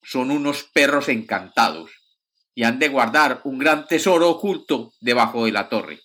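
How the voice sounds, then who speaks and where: A fearless young man answers plainly and calmly, as a man reads him in a children's story. His tone is bright and matter-of-fact. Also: mid-range voice, moderate pace. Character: foolish but fearless young son of a count.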